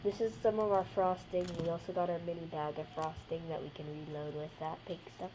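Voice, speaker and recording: A woman hosting a casual craft how-to, chatty and rambling, with a slightly hoarse voice from losing it a little. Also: lowish voice, level tone, brisk, background noise. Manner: chatty, rambling, trails off mid-sentence. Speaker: craft video host.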